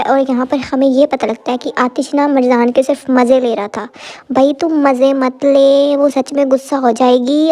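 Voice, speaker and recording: High-voiced woman chatting through a drama recap. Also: darkish tone. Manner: chatty, breaks in with her own reactions to the scenes; retells the dialogue in a plain voice. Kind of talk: casual spoken recap of a TV drama.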